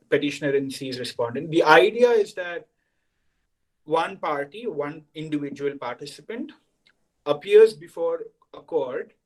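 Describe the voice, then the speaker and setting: On a rough recording, a young man with a slightly high voice gives an orientation talk over a video call. As a senior student, he explains things to the new students, checking in with "right?".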